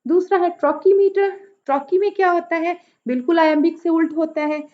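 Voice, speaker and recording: A woman, a literature teacher lecturing slowly, repeating each example and stressing single words. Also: very high voice, dull audio. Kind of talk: lecture in Urdu mixed with English.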